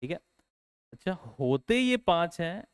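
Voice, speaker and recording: A man's voice: high voice, very animated, measured pace, clear, resonant tone. A man teaching English in a classroom lecture, asking the students questions and then answering them himself.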